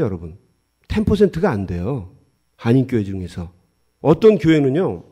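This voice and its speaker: A middle-aged man preaching a sermon as pastor, telling funny stories from his own life and laughing often as he acts out what people said. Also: a little high. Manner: lively storytelling, acts out dialogue, laughs often. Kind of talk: sermon with humorous anecdotes.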